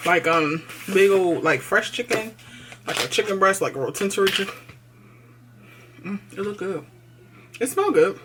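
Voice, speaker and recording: A woman's voice: mid-range voice, animated, moderate pace, pauses often, fairly bright tone, slight background noise. A young woman with a Baltimore accent chatting casually to her vlog camera, often talking with her mouth full. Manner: chatty, talks while eating. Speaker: vlogger.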